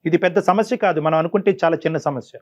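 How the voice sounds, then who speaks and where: Speaking very fast in a fairly high-pitched voice, a male family counsellor on a talk show hammers home his advice by repeating words. The audio is muffled and dull.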